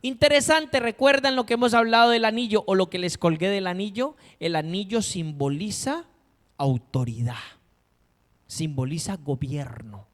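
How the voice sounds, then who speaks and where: A man's voice: high voice, moderate pace. A man preaching a sermon in a dramatic, emphatic way, asking his congregation rhetorical questions. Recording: long reverb of a hall.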